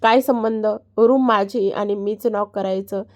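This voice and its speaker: A playful younger brother in a spoken story, always bickering and teasing, as a woman puts him on. He talks with lively cheek. The tone stays mellow. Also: medium pitch, measured pace, close to an everyday voice.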